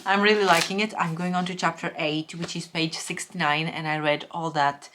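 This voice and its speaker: A woman with a slightly low-pitched voice chats casually in a book review vlog. She is candid and opinionated and breaks into lively exclamations when a book lets her down. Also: normal speed, background noise. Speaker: book vlogger.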